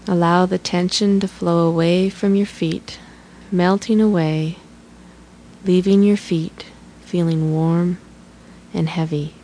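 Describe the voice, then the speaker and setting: A woman leading a guided relaxation meditation in a slow, soothing, instructional way. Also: on the low side, steady tone, mellow, slight background noise, rough recording.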